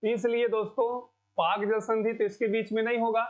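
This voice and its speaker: A man's voice: high-pitched, little pitch movement, moderate pace, a little mellow. A man teaching an exam-prep lecture, repeating key answers and quizzing the class. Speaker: coaching teacher. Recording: dull lo-fi sound.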